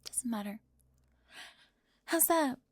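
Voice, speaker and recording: Heavily acted and animated yet slow, a woman portrays a controlling, high-strung teen cheerleader in an ASMR roleplay. Tearful and defensive, she sounds flustered and emphatic, sighing and whispering. The sound is dry and clean, studio grade.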